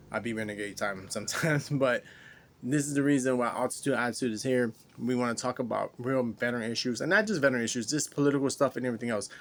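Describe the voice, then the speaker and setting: A man's voice: mid-range voice, fairly bright tone. A man hosting a veterans' podcast, talking casually and from the heart in a rambling way, often restarting phrases and swearing. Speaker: podcast host, military veteran. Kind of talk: casual heartfelt monologue to listeners.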